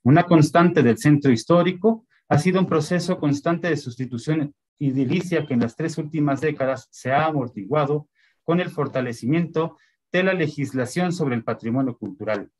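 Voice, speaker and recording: A man's voice: fairly high pitch, normal speed, a little mellow. A man giving a lecture online, reading out dates and lists with many fillers.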